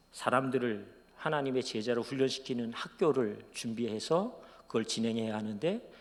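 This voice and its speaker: A male pastor giving a sermon testimony, going from hushed, quiet moments to loud, emotional outbursts. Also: mid-range voice. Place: church sanctuary. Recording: long church reverb.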